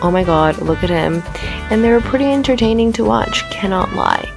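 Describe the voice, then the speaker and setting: A woman's voice: medium pitch, lively intonation, normal speed, creaky. Young woman from Canada, travel vlogger, bubbly and chatty to a handheld camera outdoors, music behind her. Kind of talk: casual vlog talk to camera. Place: outdoors on city streets. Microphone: handheld camera talking to herself.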